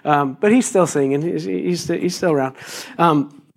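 A pastor in his fifties delivers a sermon in a loose, conversational style, full of fillers and restarts. His voice is a bit raspy this morning, pitched slightly high, and he speaks a little slowly.

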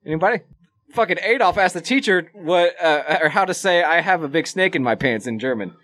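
A man co-hosting a casual podcast, animated and swearing often, laughing as he talks. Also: fairly high pitch, a little fast, no echo. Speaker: podcast co-host.

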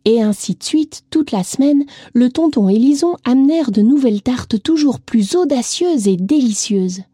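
A woman reading a storybook to children, gentle and lively, speaking straight to the young listener. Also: sits high, moderate pace, slightly rough, no echo, clean studio sound.

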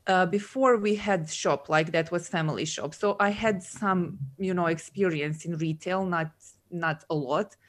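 A Serbian woman who works as a coach and entrepreneur chats casually as an interview guest, using lots of fillers and laughing often. Her voice is fairly low in pitch and her pace is measured.

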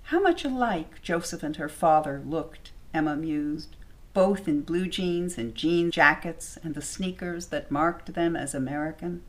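A woman reading her own short story aloud at home, in a measured storytelling manner. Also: deep voice.

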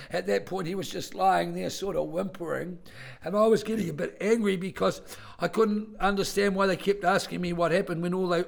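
Gravelly older New man. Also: high-pitched. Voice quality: worn-out voice. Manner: plain-spoken, earnest, rambling with self-corrections. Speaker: storyteller visiting a school class. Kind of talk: personal story told to children.

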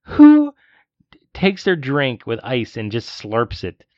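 A man's voice: mid-range voice, wildly swooping pitch, slow pace, darkish tone, no echo. A man co-hosting a podcast, telling a story in casual chat and ranting as he goes. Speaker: podcast co-host. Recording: dull lo-fi sound, dry.

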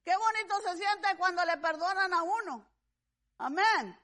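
A preacher giving a fervent sermon, swinging between shouted praise and hushed asides, with frequent hallelujahs and amens. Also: extremely high pitch, a little slow.

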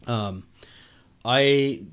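A man grown up in England, talking casually and haltingly about his family, with many restarts. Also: medium pitch, fairly bright tone, clean tone. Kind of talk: casual conversation.

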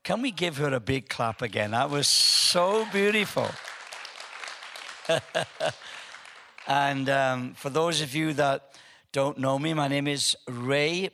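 A man's voice: medium pitch, slow pace, long pauses, some chatter behind. Older man telling a story. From Wales. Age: 70s. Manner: hesitant with many ums, animated when telling the story. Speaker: guest speaker at an event. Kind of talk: humorous storytelling speech. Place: in front of a live audience.

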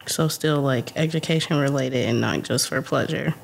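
A woman's voice: very deep voice, moderate pace, vocal fry, slight background noise. A young adult woman co-hosting a podcast in casual, teasing chat, laughing often. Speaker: podcast co-host.

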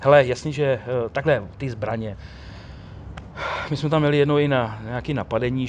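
A man's voice: medium pitch, slight background noise. Chatty man telling street stories outdoors. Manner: animated storyteller, quotes others. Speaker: guest telling of police ride-alongs. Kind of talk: casual chat.

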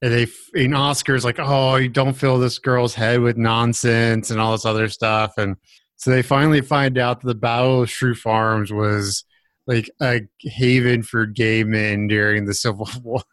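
A man co-hosting a casual podcast chat, talking in a halting way with many fillers and restarts. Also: medium pitch, steady tone, a bit bright, no echo. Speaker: podcast co-host.

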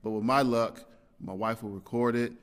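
A man's voice: mid-range voice, fairly even intonation, normal speed. A man hosting a casual solo podcast, rambling and self-deprecating, with lots of fillers and restarts. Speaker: podcast host. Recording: long hall reverb.

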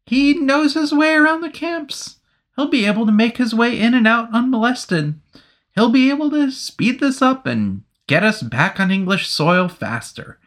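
A man's voice: very high-pitched, expressive, unhurried, a bit bright, pitched above the performer's own voice, full character voice. A man voicing a stern, protective male soldier in an odd, clipped speech pattern, reading a story aloud.

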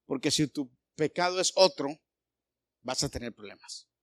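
A male pastor preaching a sermon, animated and full of rhetorical questions aimed at the congregation. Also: on the high side, normal speed, no echo, clean studio sound.

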